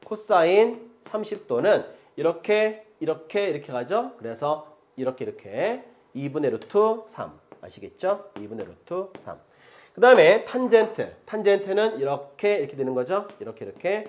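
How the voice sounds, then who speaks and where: A man's voice: sits high, big pitch swings, moderate pace, darkish tone. A middle-aged man giving a math lecture in a chatty way, often checking in with the students and laughing as he talks. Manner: chatty, mixes polite and casual speech, often checks in with the students. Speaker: math teacher.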